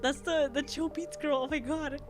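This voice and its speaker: Woman, higher-pitched, casual game streaming, reading aloud, informal, background music. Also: steady tone, normal speed. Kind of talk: casual chat and read-aloud narration of a game.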